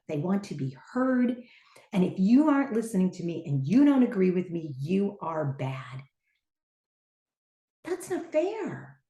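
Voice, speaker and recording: An older woman talking earnestly and reflectively as a podcast guest, stressing her points with lively emphasis. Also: medium pitch, echoey room. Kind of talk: casual conversation.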